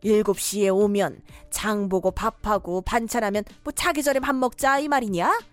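A woman's voice: medium pitch, moderate pace, dry recording, soft background music, natural voice. A woman voicing a domineering, scolding middle-aged mother-in-law in a cartoon story drama. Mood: nagging.

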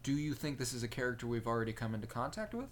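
A man's voice: medium pitch, big pitch swings, rapid-fire, slight background noise. A man co-hosting a podcast in casual chat, recapping and analyzing eagerly and asking questions. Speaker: podcast co-host.

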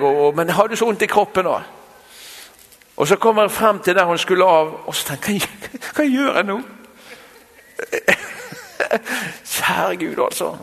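A man with a Bergen accent and a fairly high voice preaches and tells his own testimony to a gathering. He talks straight to his listeners and keeps turning to them with small asides. His voice carries a long reverb from a large hall. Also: a bit bright. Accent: Bergen Norwegian. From Bergen, Norway. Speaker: conference speaker. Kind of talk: sermon with personal testimony.

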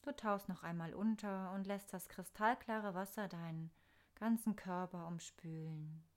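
A woman narrating a scripted guided meditation in a soft, soothing, unhurried manner with pauses. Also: mid-range voice.

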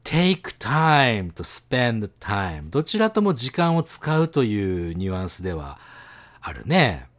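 A man co-hosting a casual podcast chat, animated and teasing, laughing often. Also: on the low side, takes it slowly. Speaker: podcast co-host.

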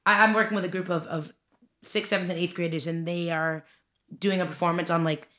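Animated young woman podcast host. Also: lowish voice, a little fast. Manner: animated, laughing storyteller. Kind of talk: casual chat.

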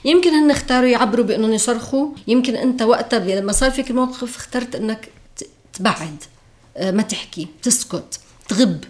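Quick-talking Levantine Arabic woman. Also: fairly high pitch, darkish tone. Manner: reflective, acts out quoted voices. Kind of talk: casual conversation.

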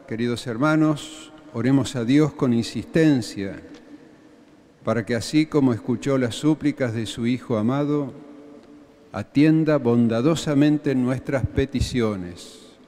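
A man leading a liturgy as a priest, reciting prayers in a solemn, measured way, with the cathedral echo around his voice. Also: medium pitch, mellow. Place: large cathedral. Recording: long reverb of a large cathedral.

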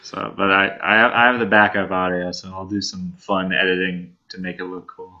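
A young man from New York rambles easygoingly as a podcast guest. His voice is low yet bright and forceful, and the sound is a bit dull and lo-fi. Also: little pitch movement, normal speed. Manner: easygoing, rambling, many fillers. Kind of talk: casual podcast chat.

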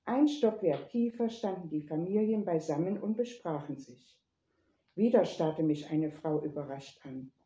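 Female reader, playful storyteller, dark mellow timbre, roomy echo. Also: on the low side. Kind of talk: storybook narration. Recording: echoey room.

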